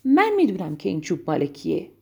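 Lady doing a squeaky panicky bunny in a bedtime story, husky edge, bounces all over. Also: huge pitch swings, mellow, dull audio, full character voice. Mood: urgent. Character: frantic little rabbit pleading for help.

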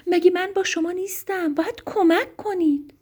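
A woman voicing a frantic little rabbit in a storybook, high and squeaky. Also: huge pitch swings, vocal fry, dark tone, slightly rough, full character voice. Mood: pleading.

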